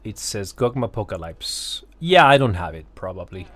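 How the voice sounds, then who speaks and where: A man's voice: lowish voice, sing-song, moderate pace, a bit bright, dry recording. A man streaming a video game, chatting casually and loosely with his chat, swearing freely and laughing at himself.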